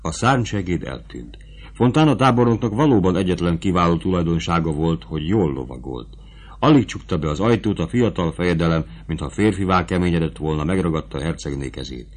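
A man narrating a classic novel as an audiobook, in a measured, expressive reading. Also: low-pitched.

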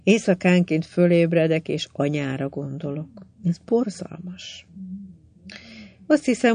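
A reader voicing an earnest, homesick young woman who speaks softly, as audiobook dialogue. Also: low voice, dry recording.

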